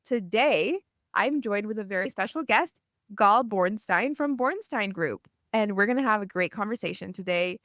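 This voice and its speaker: A young Salvadoran woman hosts a podcast, keeping the casual interview chat upbeat and chatty and saying "like" a lot. Her medium-pitched voice is a bit bright, with lively intonation at a normal pace, captured in a dry, studio-quality recording.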